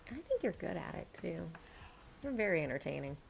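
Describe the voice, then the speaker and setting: A woman's voice: fairly low pitch, sing-song, brisk, vocal fry, husky. A woman co-hosting a podcast in casual chat, with dry, teasing interjections. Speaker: podcast co-host.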